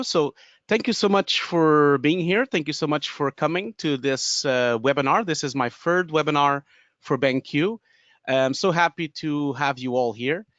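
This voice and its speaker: A Portuguese man in his thirties, speaking with a Portuguese accent, presents a live webinar on a headset boom mic from a home studio room. He's chatty, full of fillers, restarts and laughs. His voice is a little high and fairly bright; the recording is muffled with no room sound.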